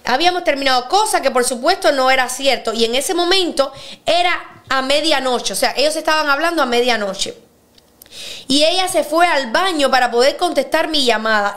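A woman hosting a podcast, telling stories in a blunt, emphatic way with quick bursts of speech. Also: high voice, a bit bright. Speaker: podcast host. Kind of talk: casual podcast chat.

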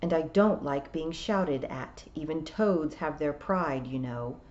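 A woman's voice: low voice, measured pace, a little mellow, muffled recording. A woman voicing a talking toad with a dry, wry manner.

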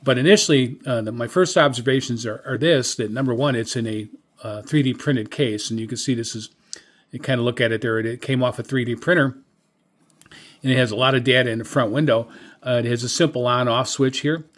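In an indoor room with radio equipment, a middle-aged or older man gives a casual hobbyist's product review. His mid-range voice is steady and brisk, and his talk is hesitant, rambling and conversational.

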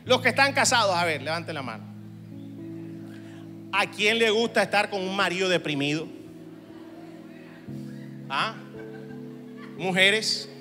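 A man pastor preaching to church leaders, joking at times and at times shouting exhortations. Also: sits high, lively intonation, unhurried, long pauses. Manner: humorous, swings from chatty asides to shouted exhortation. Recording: long hall reverb, faint music.

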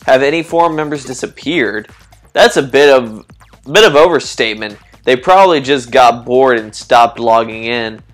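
A man's voice: medium pitch, moderate pace, faint music behind, lightly acted. A man reading as a bored old forum runner. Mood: weary.

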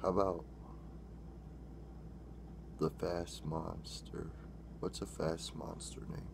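A young male drink-mixing vlogger with a low, slow, gravelly voice taste-tests drinks on camera in a small, dim indoor room. He rambles and corrects himself, getting excitable when he tastes, with background noise on the recording.

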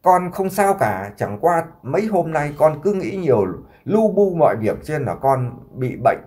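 A man's voice: a little high, sing-song, a little slow, a little mellow. A man voicing a grieving doctor father who imploringly consoles his sick son and takes the blame on himself.

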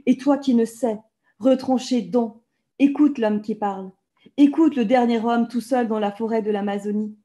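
A woman in her thirties gives an intense, rhythmic reading of her own poetry, each phrase falling like a chant. Her voice is very dark and mellow, and it comes through a laptop microphone on a video call from a room at home. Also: on the high side, steady tone, moderate pace. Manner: intense, rhythmic incantatory delivery. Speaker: author reading her work. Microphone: video call laptop mic.

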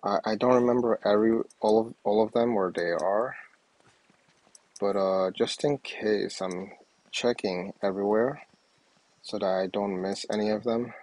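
Low-voiced, hesitant male gamer. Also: steady tone, measured pace, darkish tone, dry recording. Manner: rambling, hesitant. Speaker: gaming video host. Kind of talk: casual gameplay commentary. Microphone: wireless earbuds.

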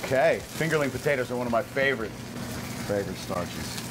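A man's voice: medium pitch, expressive, fairly quick. A man in his thirties hosting a cooking show in a restaurant kitchen, talking in an upbeat, effusive way on a lapel mic. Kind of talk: enthusiastic cooking chat. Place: restaurant kitchen with sizzling pans. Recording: kitchen noise and frying sizzle.

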